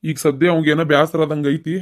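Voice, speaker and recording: A woman's voice: low voice, flat delivery, fast, lightly acted. A woman voicing a worried elder village mother in a cartoon, speaking with a North Karnataka Kannada accent in a fretful, lamenting way. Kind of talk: cartoon dubbing.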